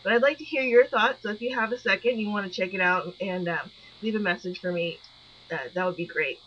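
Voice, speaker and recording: A woman's voice: mid-range voice, a little fast. A woman college instructor giving an encouraging, chatty weekly class announcement, recorded on a poor-quality backup microphone. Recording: dull lo-fi backup mic with mains hum.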